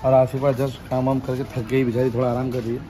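Speaking quickly in a medium, fairly level voice, a family vlog host rides his motorbike outdoors through traffic and later settles at home, chatting away and repeatedly addressing his viewers. The recording comes from a phone camera held close to his face.

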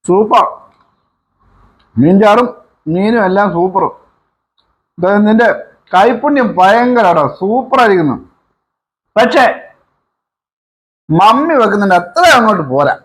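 A man acting as husband and son in a comic family skit, coaxing and teasing with drawn-out praise. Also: high-pitched, expressive, slightly rough, heavily acted.

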